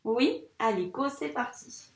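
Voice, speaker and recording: Slow and encouraging, a woman teaching primary school guides a young child through handwriting, addressing the child directly. Her fairly high voice is sing-song with some vocal fry. She sits slightly away from the mic, and the room echoes.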